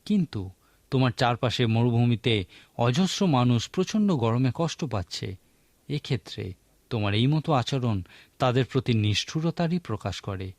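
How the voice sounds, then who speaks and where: A man's voice: mid-range voice, a little mellow, dry recording. A man preaching a sermon in an earnest teaching manner, asking rhetorical questions.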